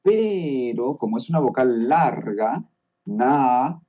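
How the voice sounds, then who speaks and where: A man's voice: medium pitch, lively intonation, takes it slowly, dull audio. A man with a Peruvian Spanish accent, a guest explaining a topic step by step on a podcast, often checking that his listener follows. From Peru. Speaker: guest expert on Tolkien's languages.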